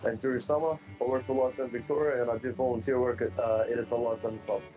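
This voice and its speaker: A man's voice: mid-range voice, level tone, rapid-fire. A young man from Afghanistan speaks in a plain, conversational way. He sounds a little distant and muffled, with faint music playing beneath him. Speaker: interviewee, lifeguard. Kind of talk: recorded video testimony. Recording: dull distant mic with soft music.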